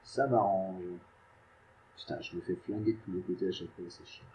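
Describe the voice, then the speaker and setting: Casual male gaming commentator, lowish mellow voice, self-mocking mutterer at a desk mic. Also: normal speed, slight background noise. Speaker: gaming YouTuber.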